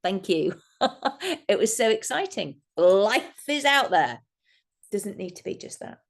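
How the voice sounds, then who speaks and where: A woman's voice: fairly high pitch, takes it slowly, gravelly. A woman hypnotist talking casually to a workshop group, acting out people's reactions as she explains techniques. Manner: animated, acts out quoted reactions.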